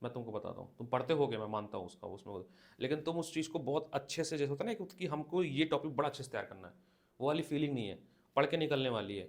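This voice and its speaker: Male teacher dictating a lecture. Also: medium pitch. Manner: dictates slowly, repeats phrases, coaches students directly. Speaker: physics teacher. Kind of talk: classroom lecture. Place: classroom.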